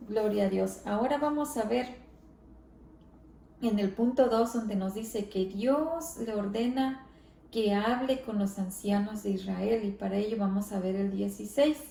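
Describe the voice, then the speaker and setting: A woman leading a church Bible study, speaking slowly and reverently, often adding amén and gloria a Dios. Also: on the high side, gravelly, warm tone, echoey room. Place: church hall.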